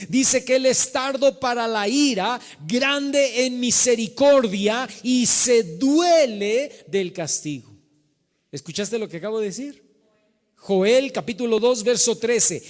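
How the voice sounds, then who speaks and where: Middle-aged man, pastor, sermon; high voice, fervent and emphatic, long hall reverb. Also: takes it slowly. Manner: preaching with fervent emphasis, then a softer storytelling tone. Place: church hall.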